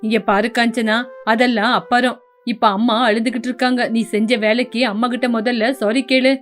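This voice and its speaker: Brief: stern impatient young husband, put on by a woman, lowered voice, cartoon story. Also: flat delivery, normal speed, natural voice. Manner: impatient, lecturing. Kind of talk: storybook voice acting.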